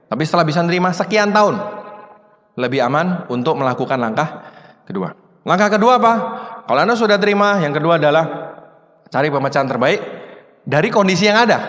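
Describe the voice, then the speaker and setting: A man's voice: high voice, sing-song, fast, pauses often, fairly bright tone. A man giving a motivational seminar talk to an audience, in a casual, chatty way full of rhetorical questions. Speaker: motivational speaker. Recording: long hall reverb.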